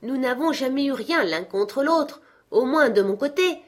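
A woman's voice: sits high, expressive, unhurried, pitched above the performer's own voice. A woman doing an earnest cheerful young nephew. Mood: pleading. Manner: earnest, pleading. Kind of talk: audiobook reading.

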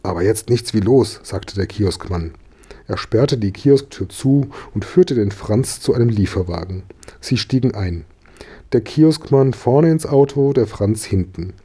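A man reading a children's story aloud in a calm, even storytelling manner. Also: mid-range voice, measured pace, slightly rough. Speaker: narrator.

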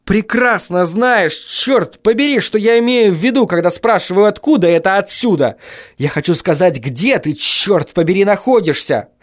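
A man voicing an exasperated young man yelling down the phone in an audiobook reading. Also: fairly high pitch, animated, normal speed, hardly any pauses, slightly rough, no echo, studio quality.

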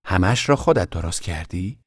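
A man's voice: low voice, expressive, dry recording, clean studio sound, voice pushed up. A man voicing a curious younger boy who keeps pressing his brother with eager questions. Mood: prying.

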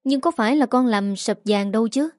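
A woman doing a sharp-tongued mother-in-law. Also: on the high side, a little fast, dry recording, studio quality, lightly acted. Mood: anxious questioning. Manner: scolding, sarcastic.

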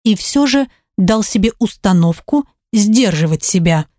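A woman narrating a romance novel in the first person, with an emotional, expressive telling. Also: medium pitch, unhurried, dry recording, clean studio sound. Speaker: audiobook narrator.

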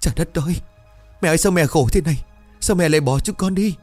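A man doing a shrill scheming wife. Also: fast talker, a little mellow, dry recording, soft background music, lightly acted. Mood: fake wailing. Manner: shrill, harsh. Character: greedy scheming young wife, shrill and cruel.

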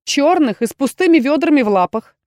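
A woman's voice: high-pitched, lively intonation, a little fast, a little mellow, no echo, clean studio sound, pitched above the performer's own voice. A woman voicing a young female necromancer student who complains dramatically and theatrically. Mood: teasing. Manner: exasperated, theatrical lamenting. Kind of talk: audiobook character voice.

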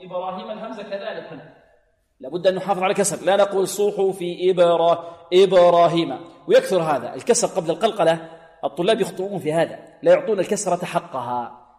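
A man's voice: high voice, very fast, a little mellow. A man teaching Quran recitation, patiently repeating sounds for his students to copy and chanting short examples. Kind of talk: tajweed lesson with chanted demonstrations. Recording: long reverb, religious radio broadcast.

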